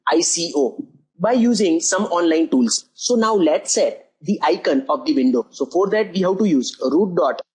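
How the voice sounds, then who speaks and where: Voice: mid-range voice, expressive, normal speed, darkish tone, slightly rough, rough recording. A coding tutor talking through a screen-recorded programming lesson step by step, often repeating "as you can see over here".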